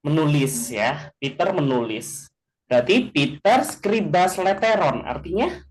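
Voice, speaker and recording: Friendly male teacher, slightly high voice. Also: animated. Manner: checks in often with "gitu" and "oke", slows for example words, chuckles often. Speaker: language teacher. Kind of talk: casual explanatory class talk.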